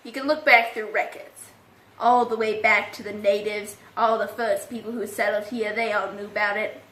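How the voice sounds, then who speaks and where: A woman's voice: mid-range voice, fairly even intonation, moderate pace, a bit bright, close to an everyday voice. A woman voicing a paranoid older man who believes in conspiracies and is hiding from the world, in a folksy, secretive, ominous manner. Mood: conspiratorial. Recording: echoey room.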